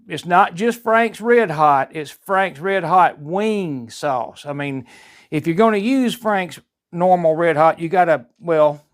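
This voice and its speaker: A man with a notably high voice and a Southern US accent hosts a home cooking vlog. He talks in a casual, folksy manner, rambling along chattily as he demonstrates.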